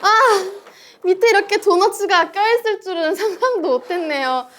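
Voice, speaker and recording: A young woman hosting a children's game show, giving playful, polite and animated commentary as she plays. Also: very high voice, moderate pace, a little hiss or hum. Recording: loud music behind the voice. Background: loud music.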